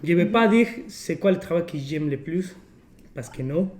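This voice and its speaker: Hosting a laid-back podcast, this man speaks French as a second language with a noticeable foreign accent. His voice is slightly high, darkish and expressive, and he pauses to search for words while dropping in English terms.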